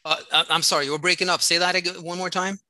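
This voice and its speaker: Bright, dry-voiced man telling his story. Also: sits high, steady tone, very fast, dry recording. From Norway. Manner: candid, loose storytelling with many fillers. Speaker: musician guest. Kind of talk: casual interview over video call. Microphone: video call.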